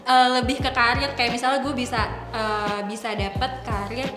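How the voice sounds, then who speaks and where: A woman in her twenties with an Indonesian accent speaks as a panelist in a casual group discussion, slipping English phrases into her talk. Her voice is on the high side, fairly even in intonation, at a normal speed. The room sounds roomy, with background music underneath.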